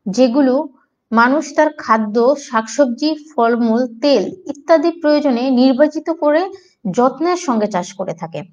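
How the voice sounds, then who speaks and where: High-voiced Bangladeshi woman teaching an online class. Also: animated, normal speed, a little mellow, lo-fi sound. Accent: Bangladeshi Bengali. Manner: patient, explains step by step, spells out syllables. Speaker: agriculture diploma teacher.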